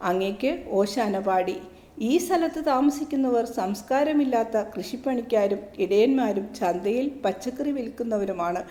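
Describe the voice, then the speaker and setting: A woman's voice: fairly high pitch, warm tone, reverberant, close to an everyday voice. A woman reading an angry hot-headed disciple. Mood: scolding. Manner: indignant, complaining.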